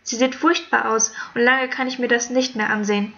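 A woman voicing an anxious, tearful young princess who talks haltingly. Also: a little high, steady tone, a bit bright, dull audio. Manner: anxious, faltering.

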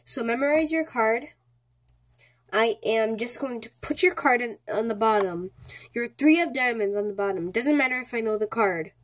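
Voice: mid-range voice, moderate pace, a bit bright. A speaker giving a casual, step-by-step card trick tutorial in an informal, repetitive way, often checking in with the listener. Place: indoors at a small table.

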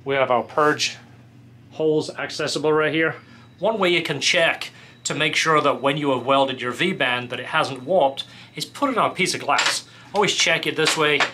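A middle-aged fabricator and welder casually shows off a product in a small indoor workshop office, explaining it in an informal, hands-on way. His voice sits a little high and sounds pushed and bright, moving at a moderate pace over slight background noise.

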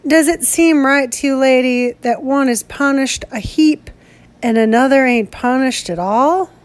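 A cold, brooding outlaw, played by a woman reading a story, speaking low and flat in a grim, steady drawl. The menace stays quiet and measured. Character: cold, brooding male escaped convict.

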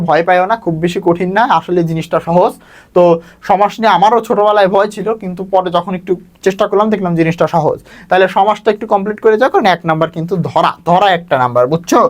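A young man, coaching students through exam topics in a brisk tone and calling them brother. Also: sits high. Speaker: admission test tutor. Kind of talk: exam prep lesson.

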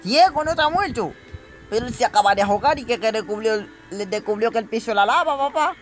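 High-pitched guy doing a goofy game playthrough, chatty w viewers, keeps freaking out. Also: fast, soft background music. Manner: excitable, often breaking into panicked shrieks; chatty, addresses viewers directly. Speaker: gaming youtuber. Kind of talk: comedic gameplay commentary.

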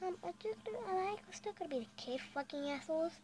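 A female speaker doing a whispered role-play with toy characters, swearing a lot and switching between whispers and loud outbursts. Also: extremely high pitch, animated, fast talker, low-quality recording.

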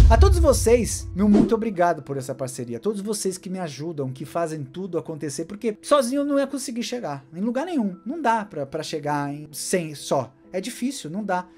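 A man, giving a heartfelt, animated year-end thank-you to camera from a home studio. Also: fairly high pitch. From Brazil. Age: 40s. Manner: warm, gesturing animatedly, emotional. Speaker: tech YouTuber. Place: home studio with gaming chair and collectibles.

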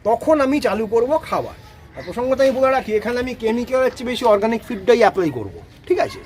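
A man's voice: very high-pitched, lively intonation, fast talker, a little mellow. A man explaining rose potting outdoors in a casual, explanatory way, often checking that listeners follow. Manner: explanatory, repeats "ঠিক আছে?" to check understanding. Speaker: rose gardening expert.

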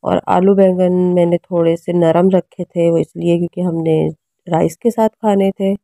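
Chatty low-voiced mom vlogger. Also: female voice, fairly even intonation, measured pace, vocal fry, dark tone, no echo, clean studio sound. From Pakistan. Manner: chatty, homely, addresses viewers directly. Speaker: vlogger, mother and housewife. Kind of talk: casual home vlog narration. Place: small home.

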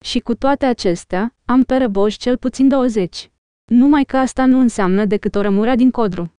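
A woman's voice: fairly high pitch, warm tone, clean tone, dry recording, natural voice. Woman reading a proud elf archer.

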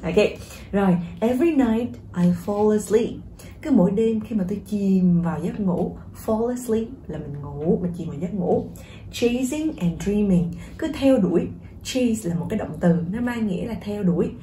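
A woman teaching English pronunciation through a song, encouraging her viewers and repeating words slowly to demonstrate them. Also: mid-range voice, lively intonation, dark tone, reverberant, a little hiss or hum.

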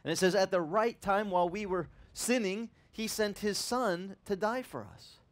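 High-pitched and speaking at a normal speed, a pastor in his fifties preaches an outdoor sermon at a beach tent service using a headset mic. His Italian-American upbringing comes through in a loose, animated delivery full of restarts and asides to the crowd.

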